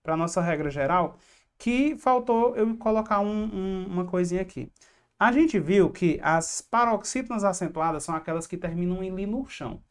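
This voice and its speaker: A woman's voice: mid-range voice, expressive, normal speed, clear, resonant tone. A woman giving an online exam-prep lesson, explaining step by step, asking questions and answering them herself, with chatty asides to her students.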